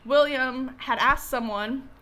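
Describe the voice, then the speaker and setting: A young woman speaks slowly in a high, sharp voice as co-host of an eating vlog. Eating and chatting casually, she meanders and hesitates, filling her talk with fillers and restarts.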